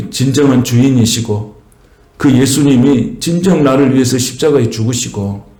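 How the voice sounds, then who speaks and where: A man with a Jeolla Korean accent preaching a sermon as a pastor, swelling higher and slower on key phrases. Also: warm tone. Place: church sanctuary. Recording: echoey church room.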